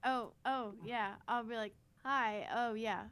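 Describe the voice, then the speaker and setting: A woman's voice: a little high, steady tone, unhurried, a bit bright, a little hiss or hum. A woman chatting casually as a player in a tabletop role-playing game.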